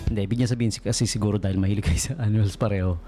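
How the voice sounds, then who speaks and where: A man's voice: on the low side, fairly even intonation, racing, warm tone. A man hosting a late-night radio show, chatting casually and joking, mixing English into Tagalog and playfully mimicking cat calls. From Philippines. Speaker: radio DJ host. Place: radio studio. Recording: radio broadcast with music behind.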